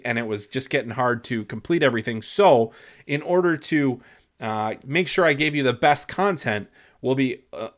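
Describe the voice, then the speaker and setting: A man's voice: mid-range voice, fairly bright tone. A man hosting a solo sports podcast, a little stuffy from a recent cold, talking in a chatty, rambling way with fillers. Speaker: podcast host.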